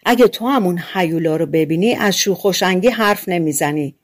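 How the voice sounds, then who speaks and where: A woman's voice: fairly low pitch, natural voice. A woman voicing a big old bear in an audiobook fairy tale, speaking in a bold, blustering manner. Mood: grumbling. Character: big old male bear, boastful then frightened.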